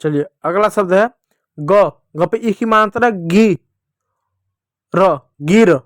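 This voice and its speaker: A man gives a patient, slow lesson to small children, sounding out each letter and repeating it. His voice sits high for a man and comes through smooth and clear. The recording is close and dry, with no room sound. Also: no echo. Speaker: teacher. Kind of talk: children's Hindi alphabet lesson.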